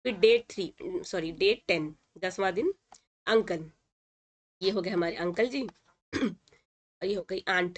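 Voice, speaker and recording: Patient woman teacher explaining a lesson. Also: fairly low pitch. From India. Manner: patient, repeats words and says "ठीक है" often. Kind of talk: explaining a textbook lesson in Hindi.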